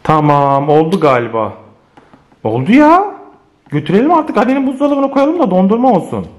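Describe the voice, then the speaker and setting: A man filming a playful family vlog, teasing the kids and chatting to viewers in an animated way. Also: high voice, a little fast. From Turkey. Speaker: family vlogger.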